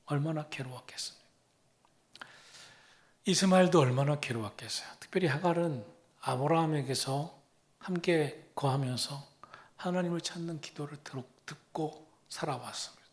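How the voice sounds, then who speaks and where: A man preaching as a pastor, retelling a story with dramatic pauses and often dropping to a breathy whisper. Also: on the high side. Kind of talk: sermon.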